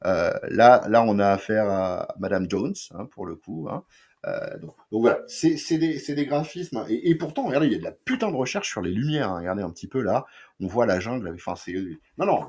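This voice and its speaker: A man's voice: on the low side, darkish tone. A man chatting casually about comics he bought, rambling with lots of fillers, restarts and crude slang. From France. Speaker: comic book reviewer. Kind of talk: casual review chat.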